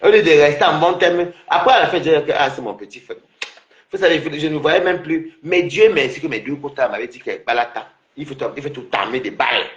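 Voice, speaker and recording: A man's voice: a little high, a little fast, echoey room, muffled recording. A man taunting a rival on his livestream, repeating himself and laughing mockingly.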